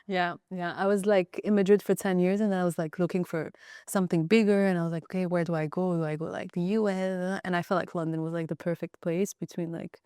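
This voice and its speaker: A woman from Morocco, a painter, chatting casually as a guest in a soft-spoken, relaxed way. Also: fairly low pitch, fast talker, hardly any pauses, clear, resonant tone, dry recording, clean studio sound. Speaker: guest, visual artist. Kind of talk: casual chat.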